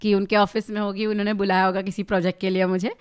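A young woman in her twenties, a rapper guest on a podcast, telling a story in an animated, laughing way. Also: medium pitch, fast talker, clear, resonant tone. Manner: animated, laughs often, mixes Hindi and English. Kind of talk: casual storytelling chat.

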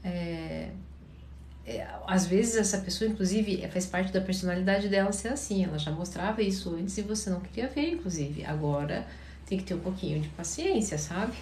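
Mulher do Paraná, sotaque curitibano, respostas ao vivo, tom pausado, voz cansada. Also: female voice, lowish voice, reverberant, a little hiss or hum. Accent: Curitiba Portuguese. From Paraná, Brazil. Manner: calm, advising, often checks in with listeners. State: tired. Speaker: therapist answering viewers' questions. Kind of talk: live Q&A advice chat.

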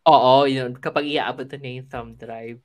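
A speaker with a Filipino accent co-hosting a podcast, reviewing a series in casual chat, mixing in English and pausing to search for words. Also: mid-range voice, fairly even intonation, no echo. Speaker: podcast co-host.

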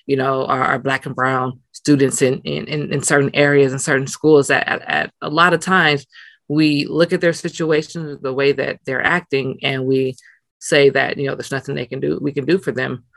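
A woman's voice: extremely low pitch, level tone, normal speed, gravelly, fairly bright tone, no room sound. A young adult woman answering interview questions, earnest, often repeating words as she searches for them. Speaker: interview guest, nonprofit worker. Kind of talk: casual interview conversation.

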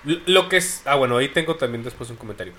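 A Mexican man with a bright, forward voice jokes and pokes at his co-hosts in slangy chat. His tone is teasing and quick to question. A faint hiss runs underneath. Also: medium pitch, animated. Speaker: podcast co-host. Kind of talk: casual chat.

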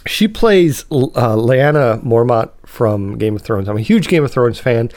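A man's voice: medium pitch, animated, a little slow, darkish tone, no room sound, clean studio sound. A man hosting a solo podcast with a cold, sounding nasal, talking in a rambling, chatty way and often correcting himself. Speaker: podcast host. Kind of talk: casual solo podcast talk.

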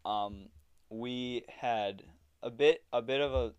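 A young man hosting a casual sports podcast, talking loosely and joking, quick to laugh. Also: medium pitch, darkish tone, clear, resonant tone, dull audio. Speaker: podcast host.

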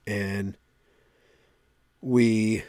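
An older man hosting a podcast, telling a long story in a casual, animated way and getting worked up as he replays an argument. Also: extremely slow, dry recording. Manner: animated, rising to exasperated pitch when replaying arguments. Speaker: podcast host.

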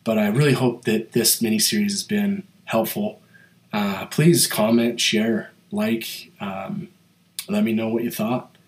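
A man's voice: fairly low pitch, fairly even intonation, measured pace, rough recording. A man hosting a podcast alone while he has a cold, so his voice sounds nasal, speaking in a motivational way with many fillers. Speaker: podcast host. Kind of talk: solo podcast monologue.

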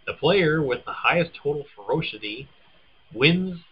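A man's voice: on the high side, lively intonation, normal speed, husky, highs cut off. A man co-hosting a casual chat, playfully teasing and reading game blurbs aloud. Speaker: podcast co-host.

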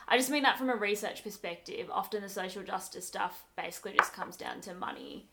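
A young woman co-hosting a podcast, talking thoughtfully with many pauses and fillers. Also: mid-range voice, huge pitch swings, creaky, heavy background noise. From Australia. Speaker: podcast co-host. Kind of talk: casual podcast conversation.

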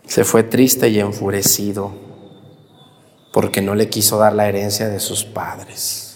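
A man with a Mexican accent preaching a sermon, animated, asking the congregation questions and answering them himself. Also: on the low side, unhurried. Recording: long hall reverb.

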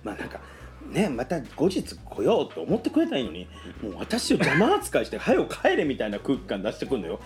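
A man tells a story quickly, his pitch leaping up and down as he acts out the lines of people in it. He laughs often, and soft music plays underneath. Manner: animated storyteller who acts out quoted voices and laughs often. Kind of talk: casual storytelling chat.

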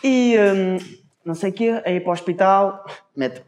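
A man's voice: high voice, normal speed, a little mellow, echoey room. A young man with a European Portuguese accent, co-hosting a casual chat and telling stories with slang and sound effects. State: leg in a cast. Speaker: podcast co-host.

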